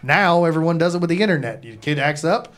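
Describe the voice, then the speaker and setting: Slightly high-voiced man bantering profanely. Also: lively intonation, quick pace, fairly bright tone. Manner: profane, joking. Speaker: show host. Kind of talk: casual livestream banter.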